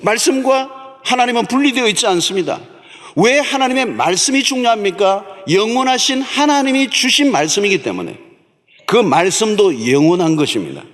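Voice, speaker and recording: Emphatic pastor preaching in a reverberant church hall. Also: male voice, high-pitched, sing-song, normal speed, a bit bright. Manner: emphatic preaching, repeats key words for stress. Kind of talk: sermon. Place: large church sanctuary.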